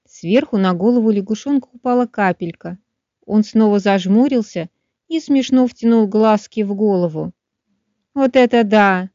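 A woman narrating a children's audiobook in an expressive storytelling manner. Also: mid-range voice, normal speed, dry recording. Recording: dull, dry studio sound.

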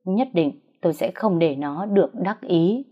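A woman's voice: lowish voice, expressive, unhurried, slightly rough. A woman narrating a first-person audio drama story with a dramatic, emotional reading. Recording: dull lo-fi recording.

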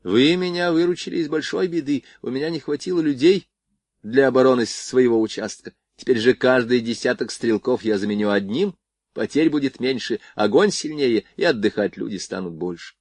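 A man reading the lines of a polite army captain with a soft Polish accent. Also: medium pitch, normal speed, no room sound, natural voice. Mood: grateful. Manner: polite, eager.

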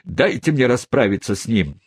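A male narrator voicing a stout, hot-tempered older country gentleman who bellows orders. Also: mid-range voice, very animated, normal speed, breathy edge, dry recording, clean studio sound. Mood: raging. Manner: bellowing, commanding. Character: furious stout old country host.

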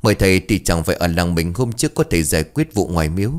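A man's voice: low-pitched, lively intonation, fast. A man reading the lines of a chatty, knowing older woman who sells fruit in the village.

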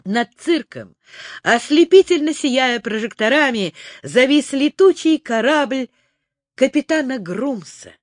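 A man narrating a children's book in an expressive storytelling manner. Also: very high-pitched, slow pace, no room sound, studio quality. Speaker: audiobook narrator.

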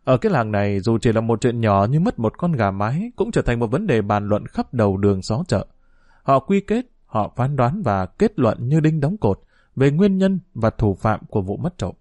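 A male storyteller reading a short story in a lively, expressive way. His pitch moves a lot from phrase to phrase at a middle height, and the sound is dry and close with no room echo. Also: moderate pace. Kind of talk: scripted narration of a short story.

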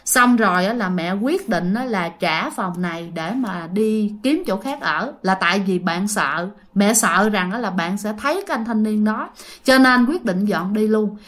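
This storyteller, a channel host with a Southern Vietnamese accent, has a mid-range, fairly bright voice with lively intonation and a moderate pace. She chats her way through ghost stories, addressing listeners directly and using lots of sentence-final particles.

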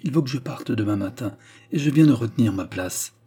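A man's voice: medium pitch, expressive, a little fast, warm tone, breathy edge. A man reading aloud and voicing a tense young man who gives laconic, clipped replies. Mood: curt.

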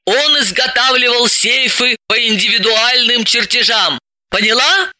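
A man's voice: very high voice, lively intonation, a little slow, pushed and bright, no echo, pitched above the performer's own voice, exaggerated voice. A man reading an audiobook, voicing a bossy, sardonic woman psychoanalyst who gives orders and mocks. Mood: triumphant.

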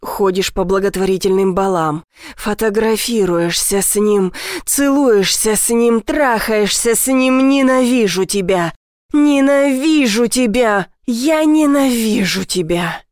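Woman voicing a hoarse, furious man. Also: fairly low pitch, measured pace, dry recording, clean studio sound, natural voice. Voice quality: hoarse, growling. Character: rough, possessive, furious man. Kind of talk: audiobook character voice.

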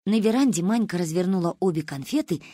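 Lively woman narrating a story. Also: fairly low pitch, fast talker, husky, dry recording. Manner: animated, playful storytelling. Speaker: audiobook narrator. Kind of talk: expressive audiobook narration.

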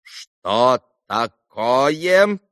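A man voicing a haughty, impatient doctor who speaks slowly and with weight. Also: mid-range voice, sing-song, no echo, clean studio sound, voice pushed up. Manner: slow, weighty, condescending.

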